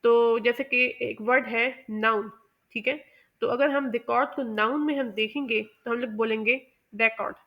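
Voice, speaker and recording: A woman teaching pronunciation, explaining carefully and often pausing with "uh". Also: on the high side, highs cut off. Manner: measured and explanatory, with many "uh" pauses. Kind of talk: explanatory lesson.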